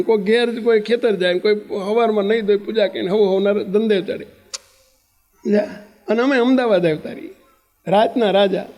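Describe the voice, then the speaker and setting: Male monk, storytelling sermon, high voice, lively, long hall reverb.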